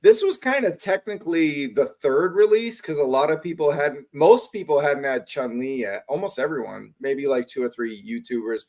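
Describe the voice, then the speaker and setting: Pitched fairly high with a darkish tone, a male podcast host keeps things loose and chatty on his talk show. He ribs his co-hosts and frequently lets his thoughts trail off unfinished.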